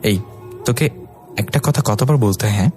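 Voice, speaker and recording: Guy doing a bossy fiery fairy girl in a romance story, low-ish voice. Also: moderate pace, a little mellow, faint music behind, lightly acted. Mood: scolding. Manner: scolding, bossy. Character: fiery, devoted young fairy woman.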